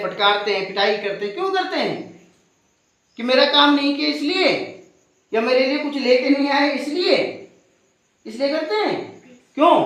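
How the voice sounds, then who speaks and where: A man's voice: high-pitched, bright, forceful tone. A man teaching at a school assembly, speaking to the students and asking them questions as he goes. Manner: keeps asking the audience questions and adding a tag question. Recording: very echoey hall.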